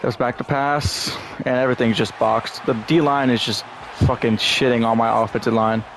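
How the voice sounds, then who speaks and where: A young man giving casual gameplay commentary, frustrated and profane, now and then shouting at the game. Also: medium pitch, steady tone, normal speed, slight background noise. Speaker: gaming YouTuber.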